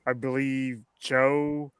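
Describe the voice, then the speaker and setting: A man's voice: medium pitch, level tone, extremely slow, clean tone, no echo. A man hosts a laid-back livestream chat from his home, friendly and talkative. His voice sits mid-range and sounds close and dry. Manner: friendly, chatty, laughs easily. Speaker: podcast host. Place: home room during a storm.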